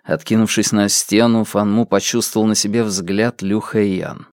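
A man reading a novel aloud as audiobook narrator, measured and unhurried. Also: lowish voice, fairly even intonation, a little mellow, no room sound, clean studio sound. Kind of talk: scripted narration.

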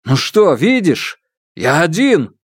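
A man voicing a desperate middle-aged father who shouts and pleads in strained outbursts. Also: on the high side, huge pitch swings, takes it slowly, gravelly, slightly rough, no room sound, clean studio sound, pitched above the performer's own voice, exaggerated voice. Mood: desperate shouting.

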